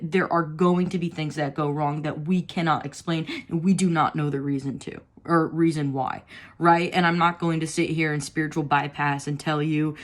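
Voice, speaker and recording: A young adult woman giving a tarot reading, talking candidly, swearing freely and filling her speech with restarts and "you know," then reading aloud from her notes. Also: lowish voice. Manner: reads aloud from notes between asides. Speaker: tarot reader. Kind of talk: casual spiritual reading.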